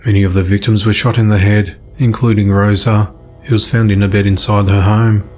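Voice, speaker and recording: Flat low-voiced man reading news. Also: fairly quick, soft background music. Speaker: news reader.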